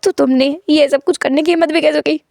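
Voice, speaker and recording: A woman's voice: high-pitched, moderate pace, gravelly, no room sound, studio quality. Woman doing a stammering, flustered shy young man. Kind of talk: storytelling fan fiction.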